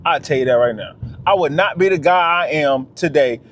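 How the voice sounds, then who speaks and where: Guy with a high voice ranting on his vlog, slangy, says stuff twice for emphasis. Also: a little fast, slight background noise. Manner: emphatic, repeats phrases, slangy. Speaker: vlogger. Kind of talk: casual monologue vlog.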